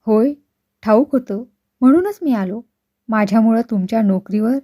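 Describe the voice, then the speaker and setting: A woman voicing a remorseful young man who speaks calmly and quietly to his father. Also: a little high, moderate pace, close to an everyday voice. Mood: calm pleading. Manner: calm, pleading, quiet.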